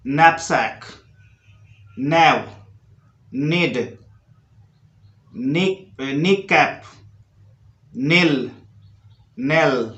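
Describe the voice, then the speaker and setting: A man's voice: sits high, a bit bright. A man teaching English pronunciation in a Hindi lesson, explaining rules step by step and reading word lists aloud. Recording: echoey room.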